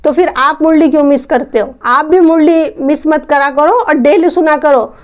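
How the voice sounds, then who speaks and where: Woman, high voice, earnest spiritual speaker, devotional talk, repeats points, rhetorical questions. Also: moderate pace.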